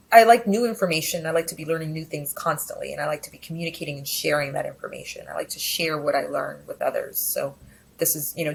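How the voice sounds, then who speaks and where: Heard on a rough recording, her low voice sounds gravelly and a little rough. She's a woman from Texas, USA, who spoke Spanish at home growing up, and as a business editor guesting in a conversational interview she reflects thoughtfully, full of fillers and restarts.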